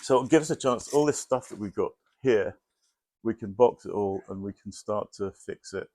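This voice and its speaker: A man chatting casually in a garage workshop about restoring a car, relaxed and rambling as he explains plans. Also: lowish voice, moderate pace. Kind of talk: casual chat while working on a car.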